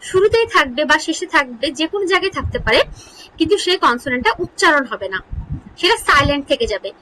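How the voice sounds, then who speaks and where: A woman teaching an English grammar lesson in Bengali, asking questions and answering them herself, repeating example words slowly. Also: high voice, very animated, bright, forceful tone, slight background noise, poor audio. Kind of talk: online lesson explaining English spelling.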